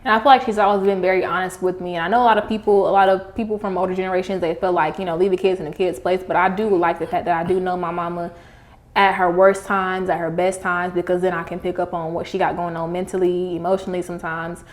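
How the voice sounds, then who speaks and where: A woman's voice: fairly low pitch, level tone, quick pace. Young female podcast host, casual and conversational, slight lisp from wearing retainers. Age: young adult. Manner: speaking with retainers in. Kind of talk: casual chat.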